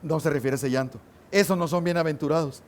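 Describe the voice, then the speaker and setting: A male pastor leads a Sunday school Bible lesson in a church classroom, speaking with a slightly raised pitch. He talks in a loose, conversational way and keeps asking whether his listeners follow. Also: fast talker, darkish tone, a little hiss or hum. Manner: conversational, checks in with listeners often.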